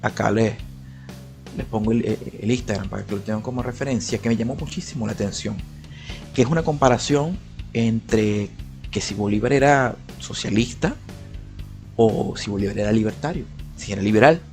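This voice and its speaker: A man's voice: lowish voice, normal speed, darkish tone, soft background music. A young man from Venezuela with a Venezuelan Spanish accent, giving casual opinion commentary in a conversational way, often restarting his sentences and dropping slangy asides. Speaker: political YouTuber.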